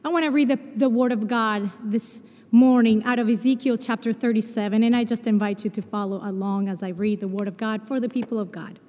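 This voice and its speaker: A woman's voice: a little high, fairly even intonation, brisk, a little mellow. A woman from Argentina with a Spanish and Portuguese accent, giving a sermon in a large chapel and telling stories with self-deprecating humor. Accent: Spanish and Portuguese mix. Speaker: chapel speaker. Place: large chapel, live service. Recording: long reverb of a large chapel.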